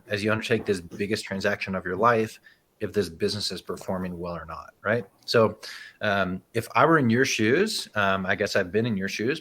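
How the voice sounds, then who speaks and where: An accounting firm owner presents a conversational educational business talk in a low but fairly bright voice. He keeps it casual, often tossing in "right?" and "um."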